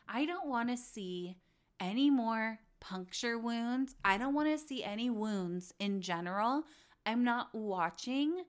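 A young adult woman hosting a casual chat show, gossipy and opinionated, slipping into quick mocking impressions. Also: medium pitch. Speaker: podcast host recapping reality TV.

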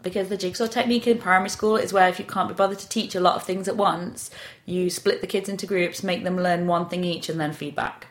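British woman podcaster, slightly low voice. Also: steady tone, quick pace. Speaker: podcast host. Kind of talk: casual chat and storytelling.

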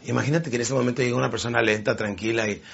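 Gravelly motivational speaker, lively. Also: male voice, medium pitch, dull audio. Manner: animated, acts out quick character voices. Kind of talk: motivational seminar talk.

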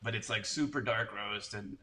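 A man's voice: fairly low pitch, moderate pace, pushed and bright. A man in his forties from Canada, chatting casually and telling stories with lots of fillers and restarts. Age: 40s. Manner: rambling, filler-heavy storytelling. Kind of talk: casual chat.

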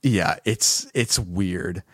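A relaxed man with a fairly low voice talks through a movie with a friend, swearing freely and laughing as he goes. The recording is dry and close. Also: extremely slow, no room sound. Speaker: podcast co-host. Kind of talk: casual film review chat.

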